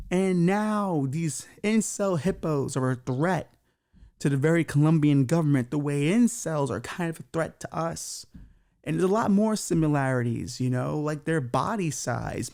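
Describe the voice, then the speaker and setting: His voice is fairly high with vocal fry and a darkish tone. As a comedy podcast host, he riffs on news stories, reading them aloud with stumbles, mocking them crudely, and swearing freely.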